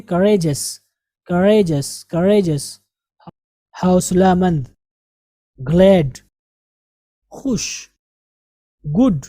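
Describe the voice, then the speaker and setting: A woman English teacher with an Indian Urdu-speaking accent, explaining grammar and drilling vocabulary slowly, repeating each word. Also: fairly low pitch, warm tone, dry recording. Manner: slow, drilling pronunciation and repeating words.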